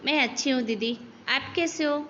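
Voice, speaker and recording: A woman's voice: high-pitched, normal speed, sharp tone, lo-fi sound, slight background noise. A woman voicing a chatty young daughter-in-law in a cartoon, complaining about her in-laws. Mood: defensive. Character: gossipy young daughter-in-law, lazy and talkative. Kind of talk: cartoon voice acting.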